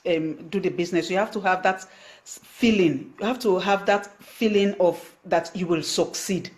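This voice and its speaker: This online business coach, a Sierra Leonean woman who speaks Krio natively and English as a second language, talks at a moderate pace in a fairly low voice. During her Facebook live stream of business tips, she pauses to thank viewers by name, and her speech is full of fillers and restarts.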